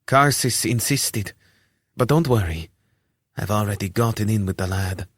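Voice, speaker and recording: A man voicing a sly deputy guildmaster who reassures smoothly. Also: lowish voice, measured pace, no room sound. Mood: reassuring.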